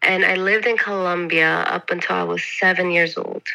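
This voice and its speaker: A woman, a podcast guest, talking late at night, unhurried and tired, filling pauses with ums and laughing lightly. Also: on the low side, fairly even intonation, creaky, pushed and bright, rough recording. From United States. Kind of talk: casual interview.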